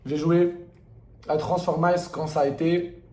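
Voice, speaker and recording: A man's voice: a little high, level tone, a little slow, darkish tone. Young man in echoey room. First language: not French, learned it through video games. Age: young adult. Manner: enthusiastic, slangy, repeats himself emphatically. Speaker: gamer sharing memories. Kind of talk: casual rambling chat.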